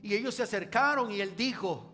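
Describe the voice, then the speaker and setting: A man preaching a sermon in short phrases, waiting for an interpreter, drawing some words out slowly for emphasis and dropping to a hush at times. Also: sits high, animated, soft background music. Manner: stretches words slowly for emphasis, swings from loud to hushed. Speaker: pastor.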